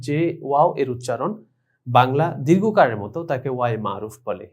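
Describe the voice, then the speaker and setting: A man's voice: fairly high pitch, a little mellow. A man teaching an online language lesson, spelling out words letter by letter and explaining pronunciation to his students. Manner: spells out letters slowly, syllable by syllable; addresses students directly, explanatory.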